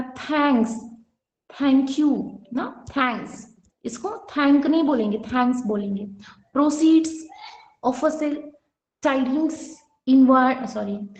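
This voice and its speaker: Woman grammar teacher, high voice, online class, keeps asking students questions, echoey room. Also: darkish tone. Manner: explains with repeated rhetorical questions.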